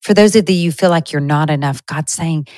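A woman's voice: low voice, brisk, darkish tone, no room sound, rough recording. A woman in her thirties hosting a podcast, giving an earnest, conversational faith talk to her listeners with frequent restarts. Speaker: podcast host.

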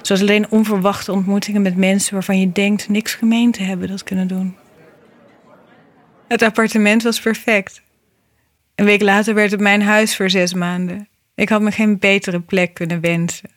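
A woman reading a scripted, reflective narration in a gentle, meditative manner. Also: medium pitch, level tone, normal speed, dry recording. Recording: music behind the voice. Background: music.

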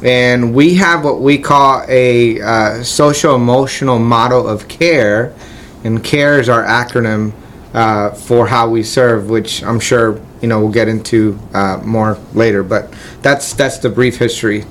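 A man who was born in Colombia and raised in Florida, a nonprofit CEO answering interview questions in a relaxed, friendly way with frequent fillers. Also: medium pitch, unhurried, slight background noise.

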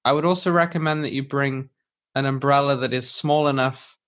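A man's voice: medium pitch, steady tone, fairly quick, fairly bright tone. A man hosting an English-learning podcast, explaining in simple, conversational language and rephrasing for a learner. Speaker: podcast host and English teacher.

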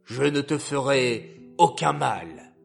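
A man's voice: medium pitch, big pitch swings, slow, creaky, soft background music, heavily acted. A man doing an imperious lord. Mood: gracious. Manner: commanding, imperious. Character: proud male lord, quick to rage.

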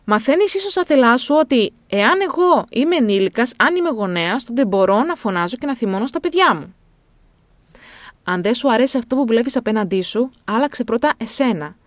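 A woman's voice: fairly high pitch, animated, no room sound. A woman hosting a parenting talk, speaking directly to the listener in a reflective monologue. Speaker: parenting podcast host.

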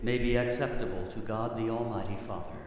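Priest praying in cathedral echo. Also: male voice, on the low side, steady tone, a little mellow. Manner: measured, reverent phrasing. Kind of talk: solemn liturgical prayer recitation. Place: large echoing church. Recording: cathedral-like echo, long reverb, clear background noise.

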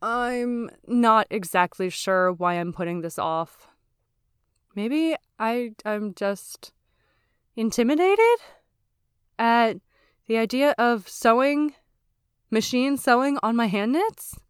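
A woman hosts a solo podcast in a smooth, resonant voice that sits a little high. She chats candidly, pokes fun at herself, and drops swear words without pause. The recording is dry and close, with no room sound. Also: animated, no room sound. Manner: chatty, candid, self-mocking, swears freely. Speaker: podcast host. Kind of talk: casual solo podcast chat.

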